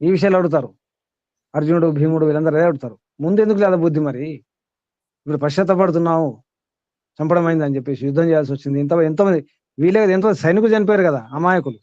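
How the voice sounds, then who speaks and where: A man's voice: on the high side, fast talker, warm tone, dry recording. Emphatic male teacher, dull recording. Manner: asks many rhetorical questions, emphatic. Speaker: spiritual teacher. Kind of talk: discourse with questions to students.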